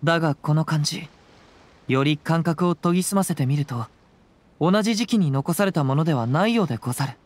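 A male actor with a voice on the high side plays a calm, perceptive young wandering samurai in a Japanese video game. His phrasing is measured and archaic, in samurai style, and the mood is grave and perceptive.

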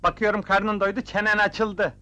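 A clumsy young town officer in a comedy film who puffs himself up to sound stern, then fumbles his words trying to smooth things over. His voice sits high and bright. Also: little pitch movement. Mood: bumbling, apologetic. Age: young adult. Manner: bumbling, mock-stern, quick to backpedal. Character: naive, clumsy young male municipal officer, comic. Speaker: municipal officer character.

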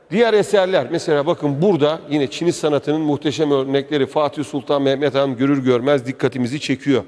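This man's voice sits on the high side and has a slightly mellow quality. He hosts a travel vlog, leading an enthusiastic, chatty walking tour of a museum and talking directly to his viewers as his words bounce off the indoor hall.

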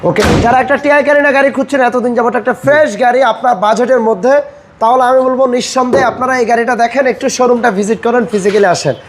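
A man's voice: extremely high pitch, steady tone, fast, a little hiss or hum. A man with a Bangladeshi accent hosting a car showcase video in a conversational presenting style, asking questions and summing up. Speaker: host and interviewer of a car sales video.

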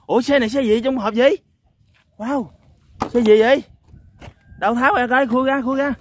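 A man's voice: extremely high pitch, steady tone, normal speed, slight background noise. A man hosts an outdoor toy-hunting vlog, exclaiming "wow" and chuckling as he talks to viewers. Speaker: toy vlogger. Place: outdoors on a sandy lot.

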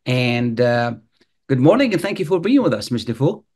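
A man hosting a radio interview, opening the show formally and asking his guest measured questions. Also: medium pitch, sing-song, darkish tone. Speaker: radio host.

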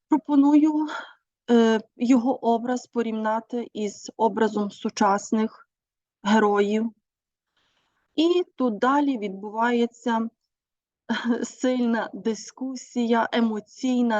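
A woman teacher giving a measured presentation on her teaching methods, pausing often with hesitations. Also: a little high, a little mellow, no echo. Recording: dull, dry recording.

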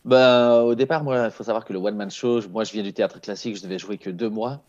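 A thirties-aged comedian talks fast in a fairly low, a little mellow voice with fairly even intonation during a relaxed interview chat over a video call. Easygoing, he laughs often and uses plenty of fillers; he's in a small room at home on an earphone headset, and the dry call audio sounds slightly dull.

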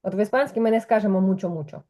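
A woman's voice: medium pitch, rapid-fire, warm tone. A woman teaching Spanish in a patient one-on-one lesson, explaining step by step and checking with questions.

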